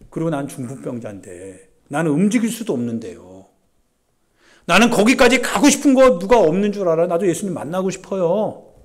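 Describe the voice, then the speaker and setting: Animated man preaching a sermon. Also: fairly high pitch. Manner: conversational, swings from loud pleading to hushed asides. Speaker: pastor. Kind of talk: Sunday sermon. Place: church service.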